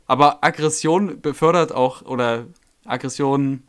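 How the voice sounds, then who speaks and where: Worn out and cranky after work, a young podcast co-host from Germany vents with plenty of swearing, mimicking his customers' quoted voices. His voice is medium-pitched and fairly bright, and he talks at an unhurried pace.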